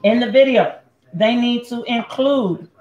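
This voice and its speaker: Woman from puerto rico showing a recipe at home, slow unhurried chat, drifts off mid-sentence, roomy kitchen echo. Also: fairly high pitch, darkish tone, highs cut off. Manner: chatty, talks while cooking and chewing, drifts off mid-sentence. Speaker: home cook host. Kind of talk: casual cooking demonstration. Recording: echoey kitchen with faint ambient noise.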